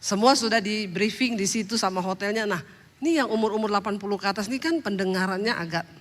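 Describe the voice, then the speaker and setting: A woman's voice: mid-range voice, fast. A woman preaching a sermon, telling funny personal stories and often turning to the congregation in a chatty, joking way. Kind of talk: sermon told through humorous personal stories.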